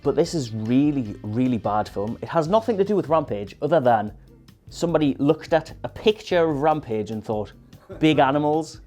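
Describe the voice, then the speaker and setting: A man on a panel show, trading dry, sardonic opinions. His voice is dark and mellow. Soft music plays under him. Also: mid-range voice, animated, moderate pace. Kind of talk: casual panel chat.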